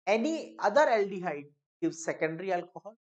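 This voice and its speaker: A woman with an Indian accent teaching a chemistry lesson, switching between Hindi and English, explaining step by step, repeating key phrases and checking in with "okay?" and "clear?". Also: medium pitch, very animated, brisk, darkish tone, highs cut off. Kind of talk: classroom lecture mixing Hindi and English.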